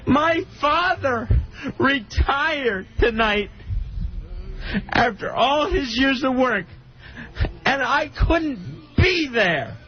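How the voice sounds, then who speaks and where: A man's voice: very high voice, lively intonation, very slow, long pauses. A man from Florida, a radio host, talking personally on air, inconsolable and choked up with upset. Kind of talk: emotional personal talk on a radio show. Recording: dull lo-fi radio broadcast audio.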